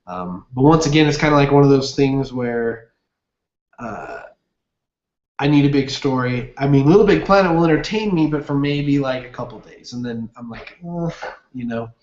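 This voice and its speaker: This livestream host is a young man with an expressive, slightly mellow mid-range voice at normal speed. He rambles cheerfully through a casual gaming stream, full of fillers, reading out viewer comments over roomy, dull lo-fi webcam audio.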